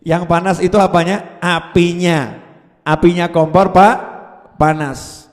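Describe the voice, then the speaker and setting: Male preacher, playful sermon style, high voice, long echo. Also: a little slow. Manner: lively, playful, acts out voices. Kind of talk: sermon with audience questions. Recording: long hall reverb.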